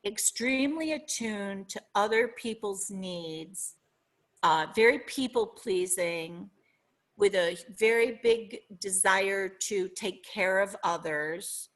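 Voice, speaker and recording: A middle-aged woman with a Minnesotan accent and medium pitch is a guest author on a podcast interview. She speaks earnestly and reflectively, often pausing while she searches for words.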